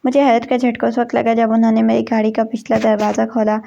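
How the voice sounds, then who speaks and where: Woman reading a first-person story, a bit high, very flat delivery, muffled lo-fi sound. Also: creaky. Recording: dull lo-fi recording.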